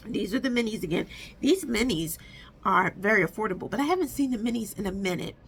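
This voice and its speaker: Talking fast with lively intonation, a woman vlogs about her makeup stash in a casual chat, wandering off topic and correcting herself as she thinks out loud. Her voice is medium-pitched and gravelly. There's audible background noise.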